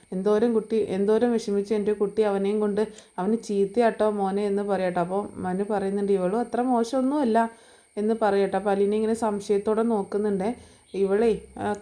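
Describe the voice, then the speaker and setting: A woman's voice: medium pitch, mellow. A woman casually retelling a TV serial episode in a chatty, conversational way, with frequent fillers. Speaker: TV serial recap narrator.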